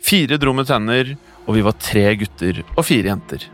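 A man's voice: fairly low pitch, animated, a bit bright, soft background music. Man narrating a horror tale. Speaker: podcast narrator.

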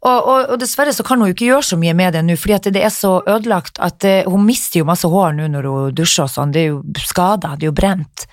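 A woman telling a story in casual chat, animated, acting out the people she quotes and swearing freely. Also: fairly low pitch, hardly any pauses, no room sound, clean studio sound.

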